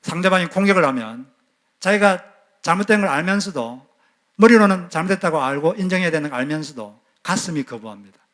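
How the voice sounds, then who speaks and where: Korean pastor preaching, fairly high voice. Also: male voice, animated, brisk, fairly bright tone. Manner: asks the congregation questions and acts out quoted scolding. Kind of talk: sermon.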